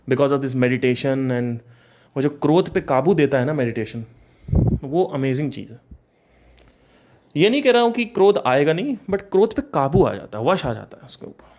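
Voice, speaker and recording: With a slightly high voice at normal speed, a young man from Kanpur animatedly narrates a personal experience. His tone stays casual, mixing English phrases with laughter between lines.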